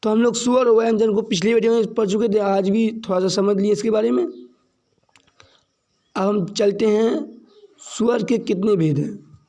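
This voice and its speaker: A man teaching a grammar lesson slowly and deliberately, repeating each point and asking questions that he answers himself. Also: high-pitched, steady tone, dark tone. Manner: slow and deliberate, stressing key terms.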